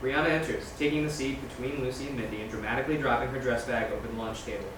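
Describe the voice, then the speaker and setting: Scene directions from a screenplay are narrated at a table read by a man speaking very fast at a medium pitch. He's well away from the microphone in a big, echoey room. The audio is echoey and noisy, as if picked up from far off.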